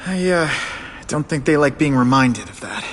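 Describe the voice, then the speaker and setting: An actor playing an earnest young photographer and secret superhero in a video game, boyish, tentative and conversational. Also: male voice, mid-range voice, lively intonation, normal speed, fairly bright tone, a little hiss or hum, lightly acted. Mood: polite, wary.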